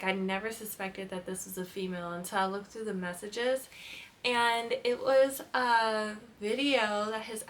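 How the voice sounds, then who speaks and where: A woman's voice: medium pitch, a bit bright, slight background noise. A young woman, casually telling a storytime vlog with lots of filler "like"s.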